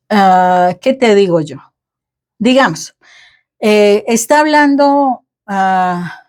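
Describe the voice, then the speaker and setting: A woman's voice: medium pitch, darkish tone. Woman preaching in a chatty way. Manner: conversational, asks the listener for agreement, with many rhetorical questions. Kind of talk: informal sermon.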